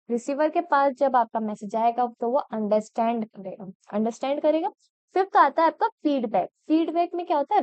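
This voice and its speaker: A woman's voice: sits high, clear, resonant tone, no room sound, muffled recording. A young woman teaching an exam-prep lesson, mixing in English terms and checking in often with her students. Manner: chatty Hindi-English code-switching, checks with frequent "theek hai?".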